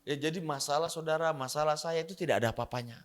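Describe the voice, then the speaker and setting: A man's voice: fairly high pitch, fast. A man interpreting a sermon live, relaying each phrase promptly with small fillers.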